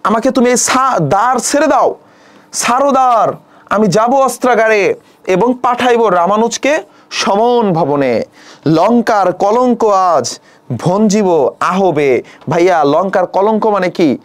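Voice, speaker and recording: A young man teaching a poem, who recites the verse slowly and then explains it in casual, chatty speech. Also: high-pitched.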